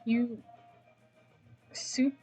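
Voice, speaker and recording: A woman's voice: very slow, dark tone. A woman reading comic second-person game narration aloud, casually and with stumbles over words. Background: music.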